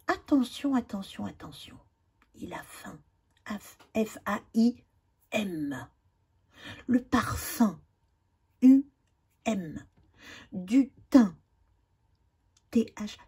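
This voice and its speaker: A woman's voice: medium pitch, a little mellow, husky. A woman teaching a children's spelling lesson, spelling out letters and drawing words out carefully.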